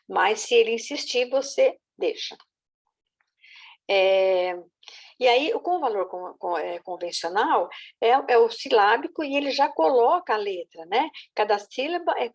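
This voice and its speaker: A woman's voice: a little high, gravelly, lo-fi sound. A woman teacher patiently explaining how children learn to write, often checking in with her listeners. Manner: patient, with many "né?" and "tá?" check-ins. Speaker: literacy teacher.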